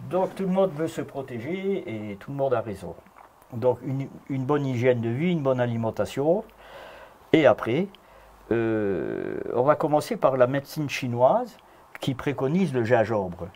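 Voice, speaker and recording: A man's voice: mid-range voice, big pitch swings, unhurried, a little mellow. A man with a Lorraine accent, explaining home health remedies in a folksy, chuckling way during a casual chat. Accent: Lorraine French. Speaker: guest herbal health advisor.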